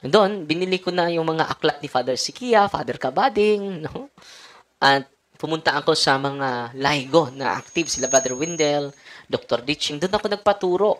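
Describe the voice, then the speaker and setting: A man's voice: on the high side, expressive, normal speed, a bit bright. A Filipino-accented priest gives an informal sermon to his followers. He slides between Tagalog and English mid-sentence and tags his statements with a questioning "no?". He lets out short chuckles between his points. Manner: ends phrases with tag question "no?".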